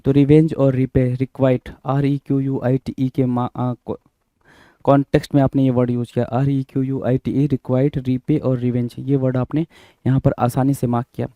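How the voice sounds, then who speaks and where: A man's voice: medium pitch, level tone, moderate pace, no echo, phone-quality sound. A man with an Indian accent teaching vocabulary, repeating each word, spelling it out letter by letter and quizzing the viewer. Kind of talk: vocabulary lesson in Hindi-English mix.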